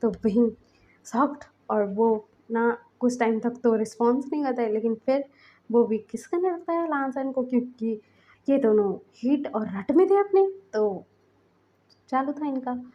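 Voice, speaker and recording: A woman's voice: on the high side, expressive, a little slow, warm tone, highs cut off. A woman narrating a fanfiction story in a chatty, casual way with lots of fillers.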